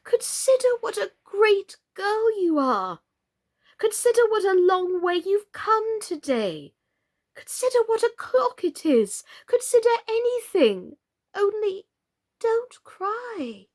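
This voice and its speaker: Scatty old queen, swooping high. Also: slow pace, heavily acted. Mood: fretful, pleading. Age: older. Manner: wailing, exclamatory, squeaky when excited.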